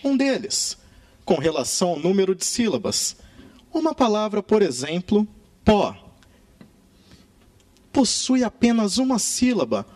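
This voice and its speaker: A man teaching a grammar lesson in Brazilian Portuguese, with emphatic, drawn-out key words. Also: sits high, very animated, a little mellow, dry recording.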